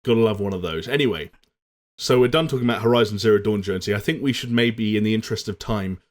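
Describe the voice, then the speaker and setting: A man's voice: on the low side, fast. A young adult man co-hosting a casual gaming chat, talking fluently and steering the conversation with easy segues. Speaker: podcast co-host.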